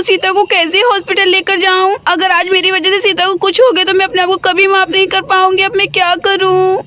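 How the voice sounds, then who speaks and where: A worried young mother doll, as a woman puts her on in a homemade doll story, fretting aloud and asking again and again what she should do. The voice sits very high and sounds bright and sharp. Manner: fretful, keeps asking what to do.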